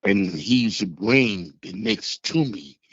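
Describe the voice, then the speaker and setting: Muffled phone caller, low-voiced man in his sixties. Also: lively intonation, fairly bright tone, slightly rough, no room sound. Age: 60s. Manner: rambling, halting reminiscing. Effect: heard over a phone line. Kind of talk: casual phone-in storytelling.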